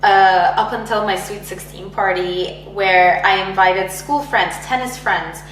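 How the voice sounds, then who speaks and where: In a relaxed oral history interview, a young woman from Egypt talks with light laughter and plenty of fillers. She has a mid-range, slightly bright voice and a measured pace, captured with roomy echo, a faraway mic and a faint hum.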